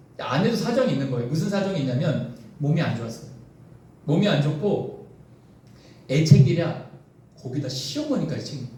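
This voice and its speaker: A pastor preaching a sermon in a church sanctuary, telling a story to the congregation with lots of animation. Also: male voice, fairly high pitch, darkish tone. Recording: echoey hall from far off, faint noise.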